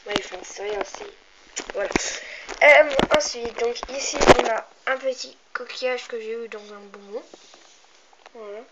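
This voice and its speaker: Her voice is fairly high, measured, and full of pauses, cracking a little because she's slightly sick, with coughs and throat-clearing. This young amateur creator casually presents handmade doll furniture, rambling and breaking off mid-thought, in a dull lo-fi home recording with clear noise.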